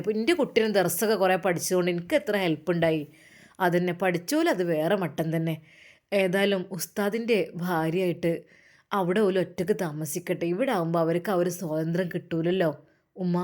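A woman's voice: on the low side, a little mellow, lightly acted. Woman voicing a devout Malappuram mother. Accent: Malappuram Malayalam. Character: warm devout older mother, gently blessing.

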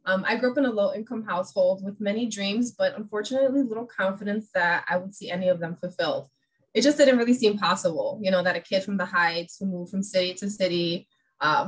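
A woman from New York presents in an online webinar, upbeat and personal. She speaks over a video call mic at a middle pitch. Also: slightly rough, low-quality recording. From New York, USA.

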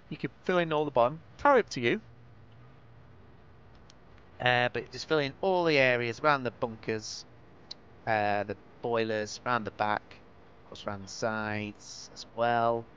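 A man's voice: mid-range voice, fairly bright tone. Lancashire man on a dull, noisy mic. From northwest England. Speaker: game tutorial host. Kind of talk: casual Minecraft tutorial commentary. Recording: dull lo-fi mic, clear background noise.

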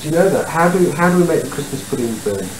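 A man's voice: a little high, lively intonation, fast talker. A man on an old VHS home video, patiently coaxing a young child with simple questions at home. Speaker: parent filming a home video. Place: family home indoors. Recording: noisy, echoey home video tape.

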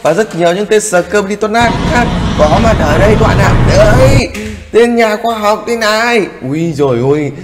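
A man giving excitable reaction commentary on a video, exclaiming often and calling out to his viewers. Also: sits high, moderate pace, over loud music. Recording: long reverb with loud background noise.

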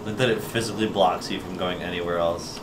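A man's voice: low voice, steady tone, fast, noisy background. A man giving casual comedic commentary on a video game, skeptical and teasing, swearing at his friends. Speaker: co-host of a game playthrough.

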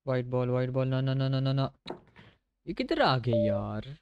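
A man's voice: medium pitch, expressive, slow, a little mellow, muffled recording, a little hiss or hum. A man with a Pakistani Urdu accent chatting casually through live gameplay commentary, mixing in English phrases. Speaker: game streamer.

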